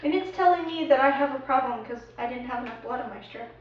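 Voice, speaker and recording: A chatty young woman explains things in a playful, singsong way. Her voice sits high, and it sounds distant and muffled. Strong echo from the room surrounds it. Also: fast talker, a little hiss or hum. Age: young adult. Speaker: student presenter. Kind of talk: casual student video skit. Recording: echoey room, far from a dull mic.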